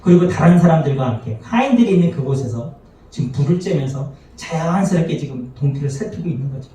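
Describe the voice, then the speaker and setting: A male pastor delivers a sermon in a high, mellow voice, often turning to the congregation with rhetorical questions and playing out the quoted lines. He stands well back from the microphone. His voice rings through a very reverberant church hall. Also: animated, fast, slight background noise. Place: church sanctuary. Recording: very echoey hall, voice from far off.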